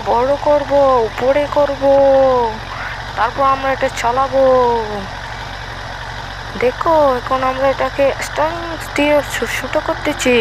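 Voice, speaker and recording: A gameplay video host, a woman with a high voice, gives casual game commentary aimed at small children in a childlike, repetitive patter full of exclamations. There's background noise in the recording.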